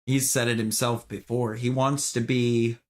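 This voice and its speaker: A man's voice: medium pitch, flat delivery, a little slow. A man streaming a video game, chatting casually with viewers and giving his opinions in a rambling, loose way. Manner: opinionated, talks to chat viewers; rambling with restarts and fillers. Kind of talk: casual chat while gaming.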